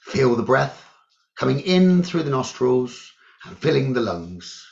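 Very slowly and with a creaky, mid-pitched voice, the meditation teacher guides listeners through calm, deliberate short instructions, leaving long pauses. The sound is a little dull and lo-fi.

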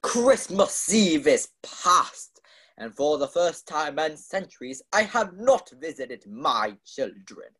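A woman voicing a gentle, jolly old Santa Claus in a slow, deep put-on voice for a storybook reading. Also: very animated, slightly rough, heavily acted.

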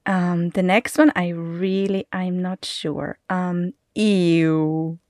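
A woman's voice: on the low side, level tone, a little mellow, no echo, clean studio sound. A middle-aged woman with a non-native English accent, a mother talking casually to the camera and laughing often. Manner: slow and careful, laughing often. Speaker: mother and vlogger.

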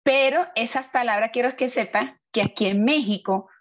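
A woman with a Venezuelan accent, chatting casually on a podcast, lively and quick to laugh as she tells anecdotes. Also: fairly high pitch, lo-fi sound. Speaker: podcast co-host. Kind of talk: casual chat.

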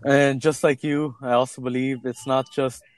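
A man's voice: mid-range voice, level tone, normal speed, no room sound, low-quality recording. A young man co-hosting a casual chat, joking around and slipping into silly voices. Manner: joking, playful, jumps into silly put-on voices. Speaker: podcast co-host.

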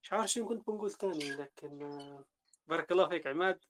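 A man's voice: on the high side, rapid-fire, a bit bright, a little hiss or hum. A man with a Libyan Arabic accent hosting a casual podcast conversation, talking through ideas at length and often restarting his sentences. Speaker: podcast host.

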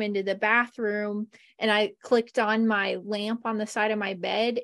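A woman's voice: mid-range voice, no echo, clean studio sound. A woman hosting a podcast, telling a story with a chatty, laughing manner, full of "like". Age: adult with a husband. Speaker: podcast host. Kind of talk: casual chat about movies.

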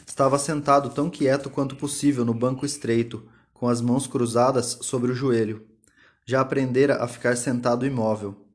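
A man reading a novel aloud in calm, measured scripted narration. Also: mid-range voice. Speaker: audiobook narrator.

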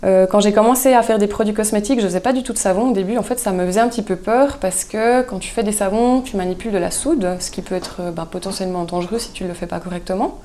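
A woman, a guest chatting casually in an interview, relaxed and thoughtful with frequent hesitations. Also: mid-range voice, quick pace, hardly any pauses. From Switzerland. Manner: relaxed, thoughtful, many hesitations, laughs easily. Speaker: guest, soap maker.

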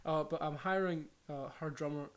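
A man's voice: fairly high pitch, fairly even intonation, normal speed. A man, a musician guest chatting informally and with some swearing on a podcast. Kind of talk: casual podcast chat.

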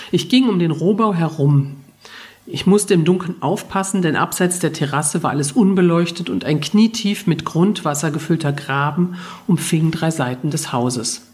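A woman narrating a first-person novel as an audiobook, telling it in a calm, even way. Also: low voice.

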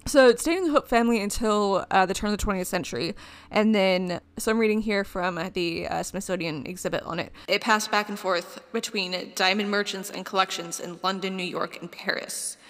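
A woman's voice: mid-range voice, a little fast, few pauses, no echo. A woman co-hosting a podcast, telling a history story in a rambling, casual way and laughing often. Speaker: podcast co-host.

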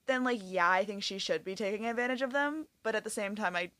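A young woman in a casual chat, talking in a relaxed way with many fillers. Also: mid-range voice, fast, no echo. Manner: relaxed, filler-heavy talk.

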